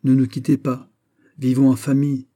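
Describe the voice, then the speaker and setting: A man's voice: mid-range voice, monotone, normal speed, warm tone, voice pushed up, close to an everyday voice. A man reading an audiobook, voicing a gallant young French king who speaks in a courteous, persuasive way. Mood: coaxing.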